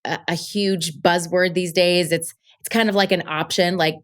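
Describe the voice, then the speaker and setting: Lady guest w a lowish voice, chatty upbeat storyteller, lots of ums. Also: fairly even intonation, normal speed. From Colombia. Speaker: podcast guest, travel show creator. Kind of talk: casual interview chat.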